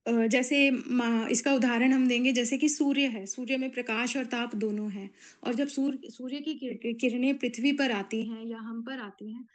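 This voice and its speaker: A woman giving a devotional discourse, explaining at a measured pace with frequent pauses and fillers. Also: on the high side, steady tone. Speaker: spiritual speaker.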